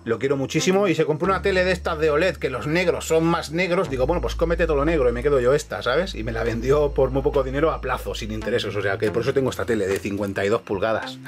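A middle-aged YouTube host from Catalonia, Spain, speaking with a La Mancha Spanish accent, chats enthusiastically to viewers while walking through a shelf-lined room in his home. His voice is medium-pitched and fast, with hardly any pauses, in this casual indoor room tour vlog.

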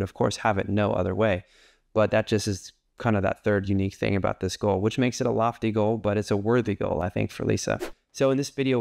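A man's voice: fairly low pitch, vocal fry, slight background noise. A man in his thirties, a coach narrating a vlog in an earnest, methodical, technical explaining manner. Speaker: running coach and sport physiologist. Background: background music.

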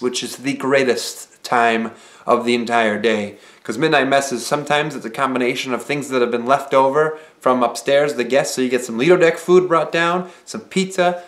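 A young man talking relaxed and conversational to the camera in a small living room, explaining things with casual filler phrases. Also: mid-range voice. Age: young adult. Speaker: vlogger. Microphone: camera mic, head-and-shoulders framing.

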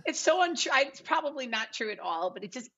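With a high-pitched, sing-song voice and a fast delivery, a middle-aged American casting director rambles casually as a podcast guest, unscripted and full of "like" and "you know." She's on a video call with headphones in a bright living room at home. The lo-fi video-call audio is slightly dull, and crowd noise can be heard.

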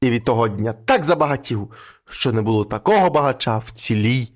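A man with a Ukrainian accent, narrating a folk tale and acting out its characters with shifting pitch. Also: expressive, fairly quick.

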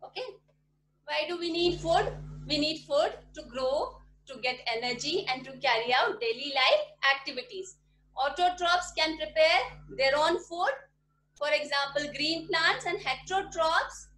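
A woman's voice: sits high, measured pace, pushed and bright, slight background noise. A woman, teaching an online class from a small room at home, patiently repeating questions to check that her pupils follow. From India. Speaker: primary school teacher. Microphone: laptop webcam mic at desk. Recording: echoey room audio from a video call.

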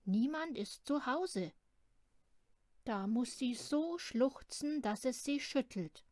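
Woman, children's storybook reading, expressive, slow, dry close sound. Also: high voice, no room sound. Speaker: storybook reader.

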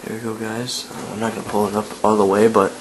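A man's voice: fairly low pitch, little pitch movement, fast talker, background noise. A man talking casually to his viewers in a home vlog, upbeat and chatty, calling them guys. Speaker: vlogger. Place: family home on a holiday.

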